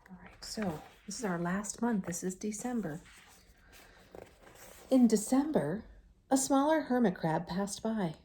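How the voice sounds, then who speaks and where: Reading a picture book to little kids, a female teacher performs expressively, chatting between passages and softly asking questions to make sure they understand. Her voice is mid-range and her pace measured, with long pauses and a little hiss or hum on the recording.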